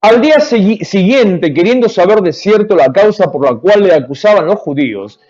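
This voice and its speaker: A middle-aged pastor preaches a live devotional, his high voice leaping up and down with emphatic, animated delivery. The sound is dull and lo-fi, like a home livestream. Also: normal speed.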